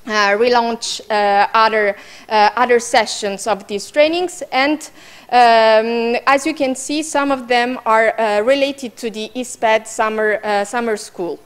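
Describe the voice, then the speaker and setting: A woman's voice: on the high side, fairly even intonation, takes it slowly, clear, resonant tone. A woman with an Italian accent presenting training programs at an information session, hesitant with many fillers.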